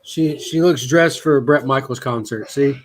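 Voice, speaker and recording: A man's voice: medium pitch, normal speed. A man chats casually as a guest on a friend's livestream. He keeps the mood light with teasing jokes and laughs often as he talks. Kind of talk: casual chat.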